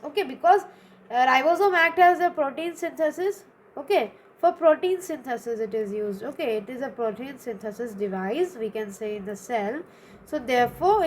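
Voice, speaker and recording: A woman's voice: high-pitched, slight background noise. A woman with an Indian English accent explaining biology step by step, repeating key terms and checking in with "okay?". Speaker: teacher. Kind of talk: online biology lesson.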